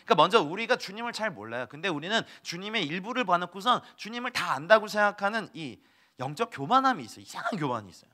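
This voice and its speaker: A man's voice: sits high, big pitch swings, fast talker, pushed and bright. A man preaching a sermon as a missionary, telling stories animatedly, acting out dialogue and laughing often.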